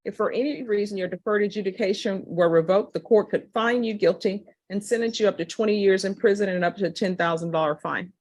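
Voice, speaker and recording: A woman serving as judge works through formal questions at a quick clip in a courtroom recording. Her voice sits at an ordinary middle pitch, and her manner stays brisk and businesslike. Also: darkish tone, rough recording. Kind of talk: formal plea hearing questioning.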